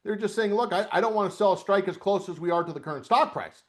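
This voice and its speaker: A middle-aged man leads a live webcast lesson on options trading. His voice sits a bit high for a man, and he keeps it chatty, drifting into folksy asides while he works through the trades. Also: quick pace. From upstate New York, US. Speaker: trading coach.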